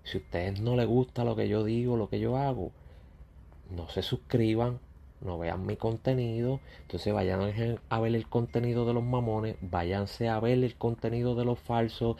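A man, a YouTuber talking bluntly and confrontationally straight at his critics in a ranting monologue, with a gravelly, husky voice. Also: mid-range voice, steady tone, moderate pace, dark tone.

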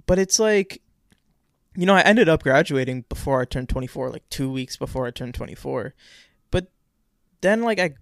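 A man's voice: medium pitch, lively intonation, normal speed, vocal fry, pauses often, no echo, studio quality. A man in his twenties co-hosting a podcast, chatting casually and repeating words as he rambles. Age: 20s. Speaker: podcast co-host. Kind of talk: casual chat.

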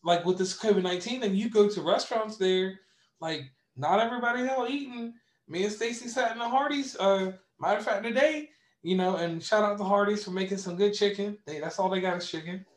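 A man with a West Virginian accent co-hosting a casual podcast chat, telling animated stories and repeating words for emphasis. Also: sits high, brisk, echoey room. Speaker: podcast co-host.

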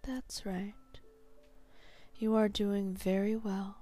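A woman guiding a hypnosis meditation in a calm, soothing, meditative tone, soft and breathy, sinking toward a whisper at phrase ends. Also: mid-range voice, slow pace, soft background music. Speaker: hypnotherapy guide.

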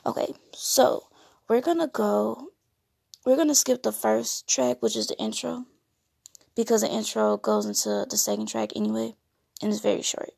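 A woman giving a casual spoken album review, explaining song lyrics line by line in a relaxed, chatty way. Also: a little high, moderate pace, gravelly. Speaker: music reviewer.

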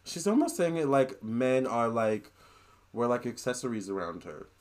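A man in a casual monologue to camera, relaying a spirit's words in a chatty, animated way with gushing exclamations. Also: mid-range voice, normal speed.

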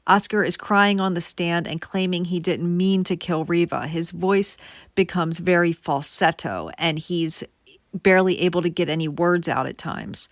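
Woman telling a true crime story to her viewers, lowish voice, dry close sound. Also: normal speed, no echo. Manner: conversational, addresses viewers directly. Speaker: true crime channel host. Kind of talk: casual true crime narration.

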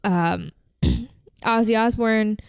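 A woman co-hosting a music podcast in casual chat, chatty and enthusiastic, slightly hoarse from talking. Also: medium pitch, extremely slow, no echo. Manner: chatty, filler-heavy, enthusiastic about bands. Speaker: podcast co-host.

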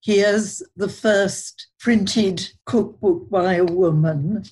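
An older woman speaks as a podcast guest. She answers at a slow, measured pace, with a slightly husky tone, and she sounds reflective. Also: mid-range voice, a little mellow. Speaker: guest, culinary historian. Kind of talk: podcast interview.

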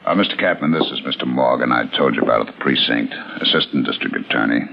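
A man's voice: rumbling low, fast talker, gravelly. A man playing a somber, tactful police detective in a 1950s radio drama, with a subdued manner. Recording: dull vintage radio recording with music.

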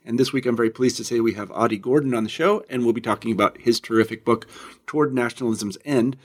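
A man hosting an interview podcast in a relaxed, conversational way, with a few fillers. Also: mid-range voice, fast talker. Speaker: podcast host.

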